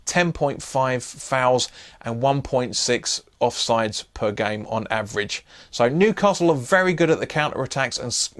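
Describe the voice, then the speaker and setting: A man of middle pitch hosts a football preview, listing figures one after another. He talks steadily and corrects himself mid-word now and then. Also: a bit bright. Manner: reels off statistics with self-corrections. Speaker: football channel host. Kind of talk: match preview commentary.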